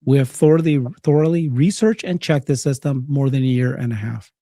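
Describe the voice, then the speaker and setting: A man hosts a live breaking-news show in a mid-pitched, mellow voice. He comments on announcements and brings in his guests. The sound is dry and close, with very little room. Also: fairly quick, no room sound.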